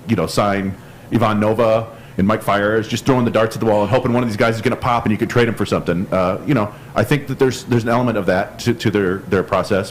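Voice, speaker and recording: Casting: male podcast co-host, measured explainer, faint hiss behind him. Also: lowish voice. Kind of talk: casual sports chat.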